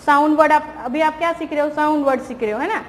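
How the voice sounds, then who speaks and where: Woman teacher for a recorded young-kids class, high and patient, reverberant room. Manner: patient, asks and answers her own questions; reads English lines slowly, explains in Hindi. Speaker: primary school teacher. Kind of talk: recorded online class lesson. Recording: reverberant room, faint background noise.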